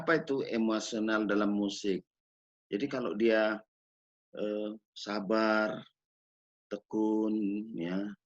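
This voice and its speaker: A man gives a measured lecture on children's music education, pausing to ask rhetorical questions. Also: lowish voice. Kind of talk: recorded lecture. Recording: dull lo-fi recording.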